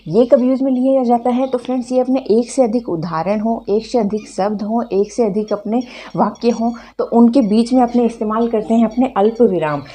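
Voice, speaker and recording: A woman teacher, her voice a little high and mellow. She drills exam points by asking questions and answering them herself. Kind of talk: exam-prep grammar lesson.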